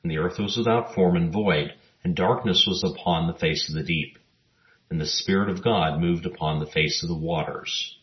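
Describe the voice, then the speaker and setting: A man giving scripted Bible teaching narration, reading scripture verses in a measured, even way. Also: deep voice. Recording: roomy, dull lo-fi recording.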